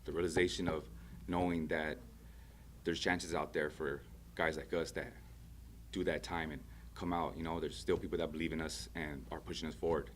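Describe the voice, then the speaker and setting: A man giving a short, steady, grateful graduation speech. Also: extremely low pitch, normal speed, a little hiss or hum. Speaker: program graduate.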